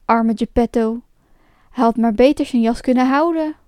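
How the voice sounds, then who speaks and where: A woman reads a children's storybook aloud in a gentle, expressive way. Her voice is fairly high and mellow, recorded dry and close. Soft music plays faintly underneath. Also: normal speed, clean tone, no echo. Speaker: narrator. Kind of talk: scripted storybook narration.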